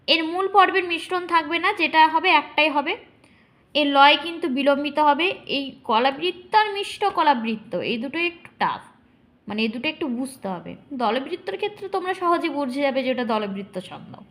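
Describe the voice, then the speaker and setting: A woman teacher explaining poetic meter to students, speaking to them directly and drawing out syllables slowly to demonstrate. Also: high-pitched, lively intonation, a bit bright. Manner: addresses students directly, checking understanding.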